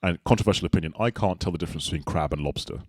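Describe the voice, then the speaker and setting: Fast-talking low-voiced man hosting. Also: a little mellow, husky, no echo, clean studio sound. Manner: quick, jokey, teasing questions. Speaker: host. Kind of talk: casual chat.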